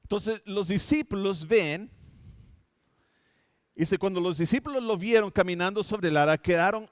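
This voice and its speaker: A man from Minnesota preaches in a relaxed, storytelling way, often correcting himself as he goes. His voice sits high and sounds clear and resonant, and it is recorded dry for an online service. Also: normal speed, no room sound. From Minnesota, United States. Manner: storytelling, self-correcting, with light humor. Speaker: pastor. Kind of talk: conversational sermon. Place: home setup for an online church service.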